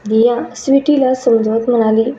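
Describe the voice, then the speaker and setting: A woman's voice: on the high side, fairly even intonation, moderate pace, mellow. A woman reading a scripted story aloud, giving each character a lightly shifted voice. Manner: reads dialogue lines in lightly shifted voices. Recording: muffled and echoey room.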